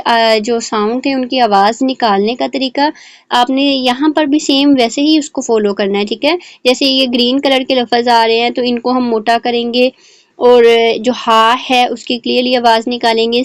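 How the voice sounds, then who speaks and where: A woman teaching beginners to read the Quran, sounding out letters slowly syllable by syllable and checking in often with "theek hai". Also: sits high, dry recording. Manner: repeats "theek hai" and mixes in English words. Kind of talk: patient recorded lesson for beginners.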